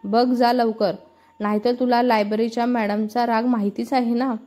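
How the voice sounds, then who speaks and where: A woman's voice: a little high, flat delivery, moderate pace, dark tone, close to an everyday voice. A woman reading a prankster college guy. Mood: teasing. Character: young male student, playful prankster.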